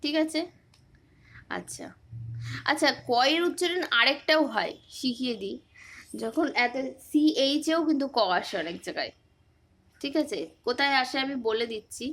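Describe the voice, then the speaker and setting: A woman's voice: sits high, lively intonation, normal speed, long pauses, a bit bright. A woman teaching a casual phonics lesson, patiently quizzing her pupil with repeated questions.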